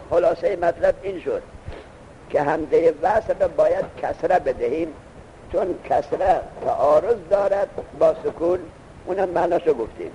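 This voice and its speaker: A man teaching a classroom grammar lesson, explaining slowly and quizzing his students with questions. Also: fairly high pitch, mellow, a little hiss or hum, low-quality recording.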